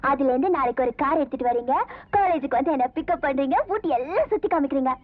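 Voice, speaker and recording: A young college woman, coaxing and pleading sweetly. Her voice is high and her words come fast. The sound is thin and tinny, like an old film soundtrack. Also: animated. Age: young adult. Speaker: college girl. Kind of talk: 1990s film comedy dialogue.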